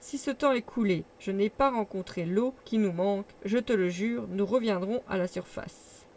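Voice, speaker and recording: A woman's voice: mid-range voice, moderate pace, a little mellow, a little hiss or hum, close to an everyday voice. Stubborn old male professor, stern, insistent, obsessed explorer, read by a woman. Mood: firm.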